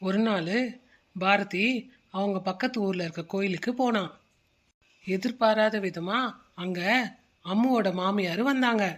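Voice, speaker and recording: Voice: medium pitch, measured pace, long pauses. ஒரு கதை சொல்லி கார்ட்டூன் கதையை நிதானமாக விவரிக்கிறார். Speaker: narrator. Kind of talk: storytelling narration.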